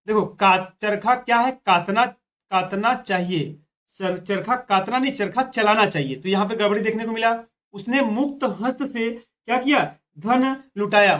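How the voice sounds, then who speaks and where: A man's voice: high voice, fairly bright tone. A male teacher working through practice test questions step by step, repeating phrases and talking straight to his students. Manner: addresses students directly with "dekho" and "thik hai". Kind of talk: exam practice lesson.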